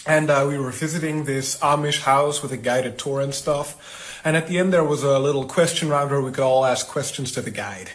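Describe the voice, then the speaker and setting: A man's voice: medium pitch, normal speed. A man telling a story in a plain, matter-of-fact way. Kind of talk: storytelling clip.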